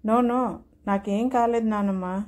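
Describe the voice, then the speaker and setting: A woman's voice: medium pitch, steady tone, measured pace, a little mellow, close to an everyday voice. A woman voicing a little boy who is tearful and worried about his parents. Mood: childlike tearful. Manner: sobbing childlike pleading.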